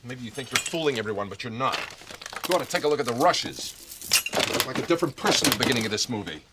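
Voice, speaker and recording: A man's voice: mid-range voice, expressive, fast talker, heavy background noise, natural voice. An actor playing a stern man in charge of a film set who firmly scolds a star in a film drama. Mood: reproachful. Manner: firm and reproachful.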